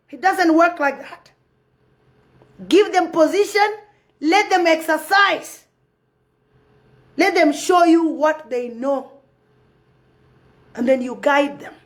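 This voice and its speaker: A woman from Sudan, giving passionate, preachy commentary on a live phone video and repeating her points. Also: extremely high pitch. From South Sudan. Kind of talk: impassioned live-stream commentary.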